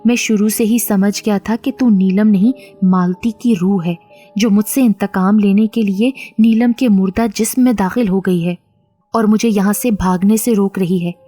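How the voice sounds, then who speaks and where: A woman's voice: medium pitch, fairly even intonation, moderate pace, mellow, faint music behind, natural voice. A woman reading the part of a touchy middle-aged male servant who complains indignantly. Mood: fearful.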